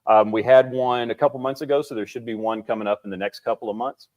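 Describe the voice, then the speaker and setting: A man's voice: medium pitch, fairly even intonation, fast talker, darkish tone. A man on a talk show giving safety advice in an earnest way, repeating his key points. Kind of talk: casual talk show interview. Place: studio.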